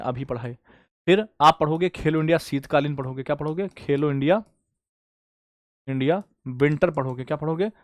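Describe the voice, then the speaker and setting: A man's voice: a little high, no echo, clean studio sound. Man teaching a drilling quiz class. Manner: repetitive question-and-answer drilling, addresses students as bhaiya and beta. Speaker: exam coaching teacher. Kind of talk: online current affairs class.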